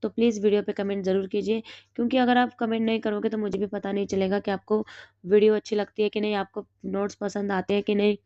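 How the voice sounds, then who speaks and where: A woman with a hoarse throat, teaching exam notes and asking and then answering her own quick questions. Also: medium pitch, level tone, dark tone, no room sound, muffled recording. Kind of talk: reading through study notes.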